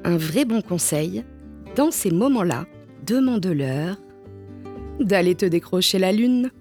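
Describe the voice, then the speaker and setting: A woman reading a children's storybook aloud with gentle, expressive storytelling. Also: lowish voice, measured pace, music in the background. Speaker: storybook reader. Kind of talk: read-aloud picture book narration.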